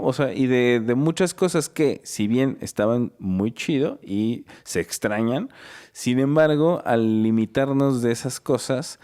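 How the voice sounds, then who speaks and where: A man's voice: on the low side, darkish tone, clear, resonant tone. A young man, co-hosting a podcast and talking through his ideas at length in a reflective, casual way. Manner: reflective, explains at length with many asides. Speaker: podcast co-host.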